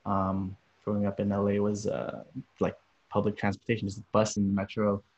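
A young man from Los Angeles, a podcast guest, talking about his upbringing in a relaxed, rambling way with many fillers. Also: on the low side, brisk. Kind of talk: casual interview. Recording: dull lo-fi audio.

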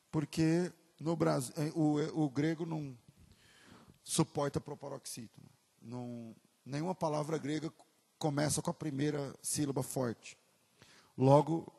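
A man preaching a sermon as pastor with a Brazilian Portuguese accent, moving from casual asides to loud, emphatic preaching. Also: a little high, creaky, slightly rough, in a large hall.

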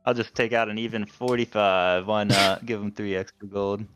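A man playing a tabletop role-playing game, easygoing and quick to laugh. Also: lowish voice, flat delivery, fairly bright tone, smooth, no echo, dull audio, faint music behind. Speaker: player. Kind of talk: casual tabletop game chat.

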